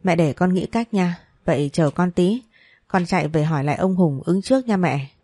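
A young working woman, worried for her sick brother, pleads urgently and politely, as a woman reading the story voices her. Her tone is mellow and fairly low. The recording is dry and close. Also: lively intonation, moderate pace, no room sound. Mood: pleading. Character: desperate young woman worker, pleading daughter.

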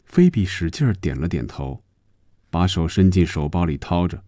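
Very low-voiced male storyteller. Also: expressive, normal speed, warm tone, dry recording, clean studio sound. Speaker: narrator. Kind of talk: storybook radio reading.

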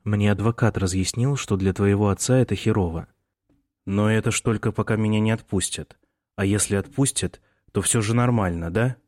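Guy reading as a young prisoner, low voice, hushed and urgent, dry close sound. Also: normal speed, no room sound, natural voice. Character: young male prisoner, desperate and in love.

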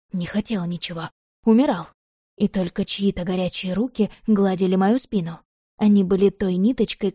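Female audiobook narrator, calm and measured, mellow dark tone, dry close sound. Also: mid-range voice, no room sound. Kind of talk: scripted narration.

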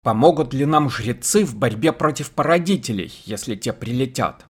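A male audiobook narrator voices a polite but relentless interrogator who fires off question after question with a calm, courteous edge. His husky, mid-pitched baritone stays measured and insistent, giving the reading a probing mood.

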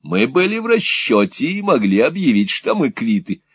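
A man's voice: medium pitch, sing-song, moderate pace, breathy edge, dry recording, pitched above the performer's own voice. A man voicing a hard-hearted moneylender in his sixties, curt, cold and scornful, in a dry close recording. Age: 60s.

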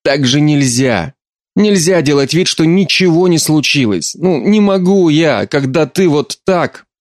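A frustrated young woman, as a male narrator voices her, pitched up above his own voice and urging hard. Her lines come in a dry, close storybook reading. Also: lively intonation, unhurried, no room sound. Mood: insistent. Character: young adult daughter, frustrated and insistent.

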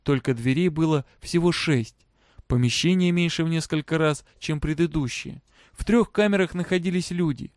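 A man narrating a story aloud in a steady, even reading manner. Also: on the high side, normal speed, no echo, clean studio sound. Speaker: audiobook narrator.

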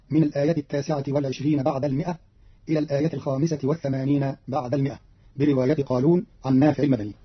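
A man's voice: on the high side, husky. A man announcing and explaining readings in a formal, scripted radio narration. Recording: dull old radio recording.

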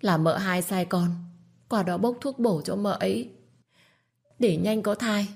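A woman's voice: mid-range voice, a little slow, vocal fry, a little mellow, slightly rough, pitched above the performer's own voice. A woman voices a frightened young servant girl in a spoken story. She pleads timidly and humbly, her voice lifted and trembling. Each word begs forgiveness. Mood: pleading.

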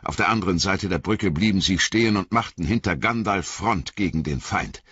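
A man reading a fantasy novel aloud as an audiobook narrator, in a measured, dramatic way. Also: low voice, fairly bright tone, slightly rough, no echo, muffled recording.

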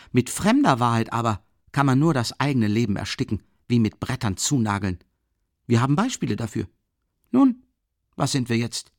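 A man reading an audiobook and voicing a drunk, excitable young man who rants fervently and loudly. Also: mid-range voice, creaky, no room sound, clean studio sound, pitched above the performer's own voice. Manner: fervent, ranting, shouting.

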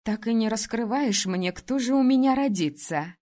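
A woman voicing a cheerful, pregnant young female friend in a read-aloud story, talking in a lively, teasing way. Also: fairly high pitch, normal speed, lightly acted.

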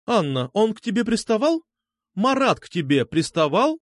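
A man voicing a stern, booming woman head teacher who barks commands. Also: very animated, normal speed, dry recording. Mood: barking. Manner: barking, commanding.

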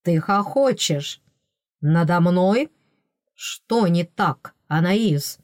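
A woman reading an audiobook, voicing a calm, teasing young male crown prince in a slow, measured, dryly ironic way. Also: on the low side, dry recording, studio quality. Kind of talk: audiobook character voice.

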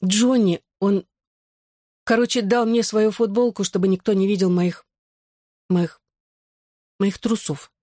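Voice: medium pitch, steady tone, unhurried, pauses often, dry recording, clean studio sound, voice pushed up, natural voice. A reader voicing a shy, flustered teenage girl in an audiobook. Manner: soft and hesitant. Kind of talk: audiobook dialogue.

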